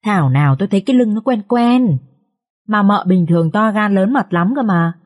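A woman's voice: mid-range voice, lively intonation, brisk, darkish tone, close to an everyday voice. A woman voicing a stern young master who teases his wife in a dry tone in an audiobook. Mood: teasing. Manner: dry, teasing. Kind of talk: audiobook character reading.

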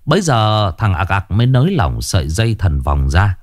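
Male storyteller, low voice with lively pitch, dry close recording. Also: moderate pace, dry recording. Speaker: narrator. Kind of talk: scripted ghost story narration.

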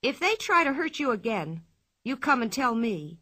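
A woman voicing a bold, cheerful young girl in a storybook reading, with a lively, playful lilt. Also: fairly high pitch, moderate pace, dry recording, clean studio sound, heavily acted. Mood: kindly.

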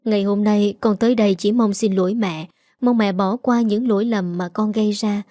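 A woman voicing a young new mother who speaks softly and apologetically. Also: medium pitch, fairly even intonation, normal speed, no echo, clean studio sound, natural voice. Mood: pleading. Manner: soft, apologetic.

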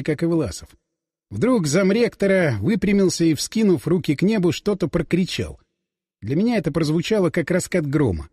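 A man narrating a first-person audiobook in a dramatic, expressive reading. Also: on the high side, breathy edge. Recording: dry close voice with long reverb.

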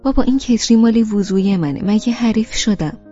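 A woman reading an audiobook, voicing a fussy, grumbling old grandmother who softens quickly. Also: lowish voice, lo-fi sound, soft background music, natural voice. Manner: grumbling, complaining.

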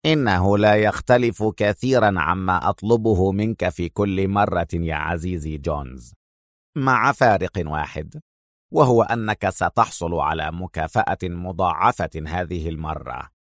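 A cold crime boss, as a storyteller puts him on, low, slow and unhurried. He talks with quiet contempt in a dry, close recording. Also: expressive, no room sound, lightly acted.

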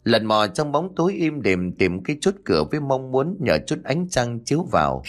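A man's voice: mid-range voice, sing-song, normal speed. A man narrating a spooky audiobook story, now and then voicing the characters' quoted lines. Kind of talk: scripted horror story narration.

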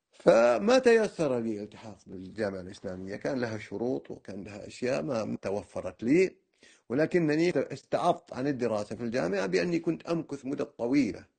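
A man's voice: mid-range voice, creaky, dark tone, breathy edge. A man giving a religious lecture, telling of his own studies in a digressive way, with many fillers and restarts. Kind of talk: first-person lecture recounting his studies.

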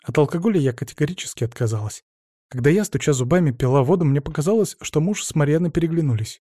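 A man reading a suspense novel aloud in a slow, tense way. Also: on the high side, lively intonation, dark tone, husky, dry recording, clean studio sound. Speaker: audiobook reader. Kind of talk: scripted narration.

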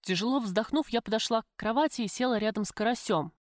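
A woman reading a first-person audiobook in an even, measured storytelling manner. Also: a little high, dry recording, studio quality. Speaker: audiobook narrator.

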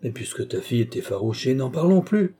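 A man's voice: mid-range voice, sing-song, a little fast, warm tone, breathy edge. A man reading a novel aloud, voicing an old worldly duke with a dry, mocking, offhand manner. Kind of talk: audiobook character reading.

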